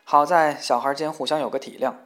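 A man reading a personal letter aloud in a measured, reflective way that grows heated when recounting arguments. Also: fairly high pitch, fairly even intonation, fairly bright tone. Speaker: reader.

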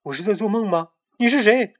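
男人捏着嗓子演一只暴躁胖小鸡. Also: male voice, sits high, lively intonation, brisk, no echo, studio quality, voice pushed up. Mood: frightened, snappy. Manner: whiny, shouting, sometimes wailing. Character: chubby young male chick, grumpy and secretive.

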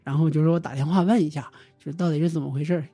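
A man casually retelling a strange family experience as a guest storyteller, in a loose, halting way with frequent restarts. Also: fairly high pitch, steady tone, dark tone, slightly rough, no echo, soft background music. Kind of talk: casual spoken storytelling of a real ghost experience.

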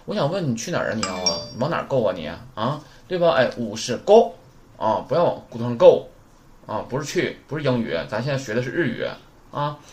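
A man's voice: mid-range voice, sing-song, fast, slight background noise. A man teaching a beginner Japanese class in a casual, chatty way, drilling numbers aloud and asking rhetorical questions. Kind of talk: casual spoken lesson.

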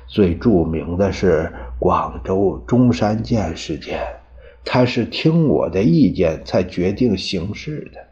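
A man's voice: sits low, expressive, slow, warm tone. A man voicing a bitter, despairing aging politician who speaks with weary self-pity. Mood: boastful. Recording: dull lo-fi audio.

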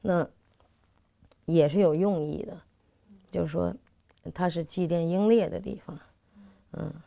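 A woman who works as a theatre director and playwright, recounting her work in a lively, conversational way with frequent restarts and fillers. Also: fairly low pitch, unhurried, vocal fry.

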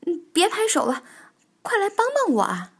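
A woman voicing a big, timid female rabbit in a children's storybook, with a raised, excitable voice. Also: measured pace. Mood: flustered. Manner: high, excitable, easily flustered.

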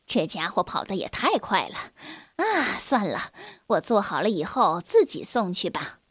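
This is a kindly male rooster from a children's storybook, as a woman voices him. He speaks low, soft and gentle. The sound is dry and close. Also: very animated, measured pace, husky, no echo, exaggerated voice.

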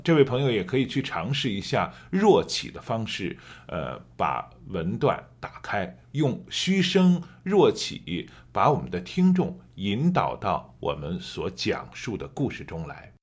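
Husky, lively-voiced male narration coach. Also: low voice. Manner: explains patiently, then reads with drawn-out emphasis. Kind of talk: teaching with read-aloud demonstrations.

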